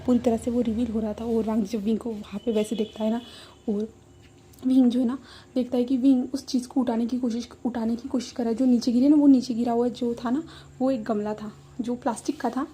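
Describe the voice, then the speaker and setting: Mellow-voiced woman narrating a story. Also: on the high side, slight background noise. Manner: rambling, many fillers. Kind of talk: casual fan-fiction story recap.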